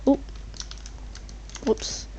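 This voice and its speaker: Drawing out her words in a darkish tone, a woman chats loosely over her gameplay as a channel host, meandering and hesitant as she thinks aloud. Keyboard typing and faint background noise come through a muffled mic.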